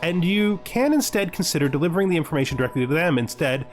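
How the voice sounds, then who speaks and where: This let's-play host talks fast, with a fairly high, animated voice and soft music underneath. Narrating his gameplay casually, he tosses off short thoughts, slips into first-person role-play, and now and then reads on-screen text aloud.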